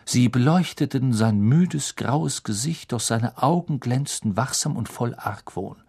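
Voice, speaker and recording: A man narrating an audiobook in a lively, dramatic reading style. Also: mid-range voice, measured pace, vocal fry, slightly rough. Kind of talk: scripted narration.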